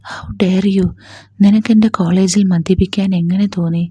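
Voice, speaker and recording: A woman's voice: mid-range voice, fairly even intonation, a little slow, slightly rough, dry recording, lo-fi sound. A woman doing a stern angry principal. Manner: sharp, scolding. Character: stern male college principal, quick to anger.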